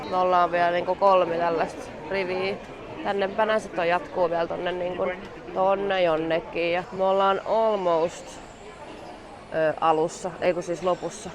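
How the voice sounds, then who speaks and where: A young woman from Finland chatting casually in a travel vlog outdoors at an amusement park, excitable and slangy, mixing in English words, recorded on a handheld camera. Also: lowish voice. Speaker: travel vlogger.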